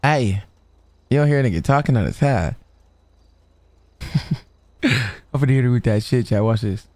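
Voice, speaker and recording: A man's voice: mid-range voice, normal speed, darkish tone, no echo. A young man streaming a roleplay game, trolling other players with slang and frequent laughter. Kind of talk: in-character roleplay banter.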